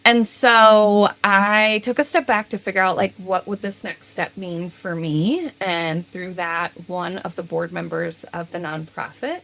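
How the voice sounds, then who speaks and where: A woman in her thirties answering interview questions as a guest, animated and laughing now and then between phrases. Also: lowish voice, measured pace, vocal fry, hardly any pauses. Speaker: guest, people and culture executive.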